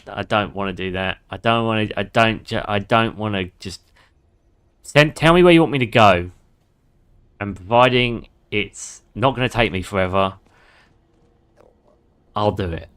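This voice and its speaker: A man's voice: fairly low pitch, fairly bright tone, clear, resonant tone. A man giving casual gameplay commentary as a streamer, chatty, swearing freely and laughing often. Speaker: gaming streamer.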